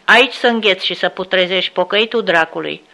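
A woman voicing a brutal, cursing male security officer who snarls and shouts insults. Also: medium pitch, creaky. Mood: snarling.

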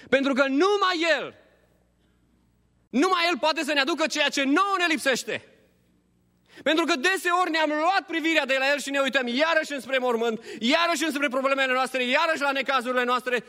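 Man, pastor, impassioned sermon, high voice, long church reverb. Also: long pauses. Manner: impassioned preaching, swinging between hushed appeals and high pleading. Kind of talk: Easter sermon. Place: church hall.

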